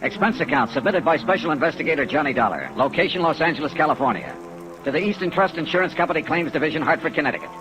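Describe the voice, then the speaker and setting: A fast-talking man with a fairly high, near-everyday voice voices a tough, wry, clipped insurance investigator, brisk and steady, in a 1950s radio detective drama. He delivers wry, dramatic narration. The vintage radio recording is rough, with background music and constant rain.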